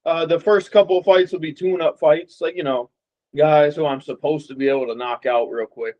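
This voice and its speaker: Talking a little fast with a voice on the high side, a young boxer guest from Las Vegas, USA, keeps the interview casual. He's relaxed and rambles on, filling gaps with fillers, all on a dull lo-fi recording.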